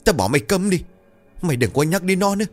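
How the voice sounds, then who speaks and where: A man's voice: high voice, animated, brisk, a little mellow, soft background music, voice pushed up. A man voicing a terrified old male landlord who stammers and barks orders. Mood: commanding.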